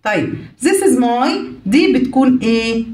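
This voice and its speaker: A woman teacher with an Egyptian Arabic accent walks young children through a workbook. She says each word slowly, repeats it and gives its meaning, with a lively, rising and falling pitch. She sits back from the mic in a roomy space. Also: distant mic. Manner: repeats words slowly, then translates each. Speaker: English teacher.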